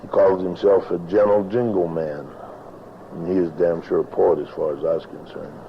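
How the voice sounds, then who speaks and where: Low gravelly western american guy just reminiscing, folksy and halting, bit of noise behind him. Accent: American West. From northern Arizona, United States. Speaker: cowboy poet. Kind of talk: casual reminiscing interview talk. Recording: dull lo-fi, steady background noise.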